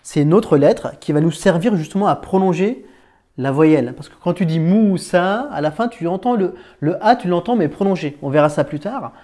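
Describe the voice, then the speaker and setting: Guy teaching reading step by step, mellow low-key tone, talks right to you, stretches out the sounds. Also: animated. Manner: patient, informal, talks to one learner as "tu", checks understanding with "d'accord?"; slows down and stretches words to sound them out. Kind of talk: Arabic reading lesson.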